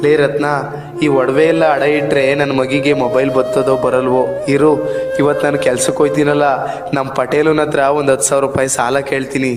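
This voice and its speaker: A man's voice: mid-range voice, little pitch movement, fairly quick, close to an everyday voice. A man playing a poor laboring father who dotes on his only daughter, coaxing and earnest in a village stage play. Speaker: stage actor. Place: open stage at a temple festival. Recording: echoey hall with music.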